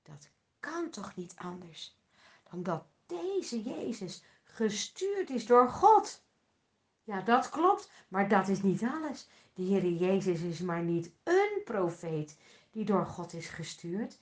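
A woman narrating a Bible story for children, speaking to them directly and swinging from hushed to loud. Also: mid-range voice, sing-song, slow.

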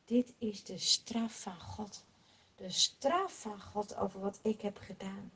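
A woman voicing a sorrowful, repentant king who speaks quietly and prays. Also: mid-range voice, fairly even intonation, takes it slowly, husky. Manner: soft, sorrowful, hushed. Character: grieving repentant old king, humble.

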